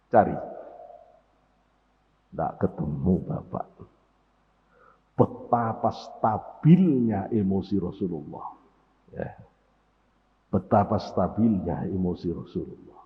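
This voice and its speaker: A male preacher, giving a morning sermon with dramatic storytelling that swings from loud to hushed. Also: on the low side, sing-song, slow, long pauses. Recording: tinny lo-fi, long hall reverb.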